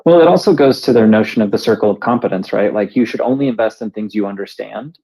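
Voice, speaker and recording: A man's voice: on the low side, quick pace, warm tone, husky, rough recording. A man co-hosting a talk show, explaining things casually as an author. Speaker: co-host and author.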